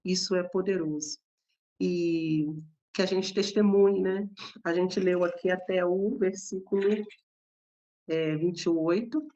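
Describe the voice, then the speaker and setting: A woman with a Brazilian accent giving a gentle, conversational Bible devotional, often adding tag questions. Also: lowish voice, steady tone, takes it slowly, lo-fi sound. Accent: Brazilian Portuguese.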